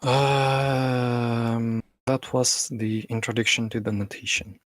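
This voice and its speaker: A man's voice: mid-range voice, little pitch movement, no echo, clean studio sound. Man on glitchy warbling call audio. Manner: halting, with many ums and restarts. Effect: glitchy, warbling video-call audio. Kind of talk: explaining computer science notation over a call. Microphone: computer mic on an online call.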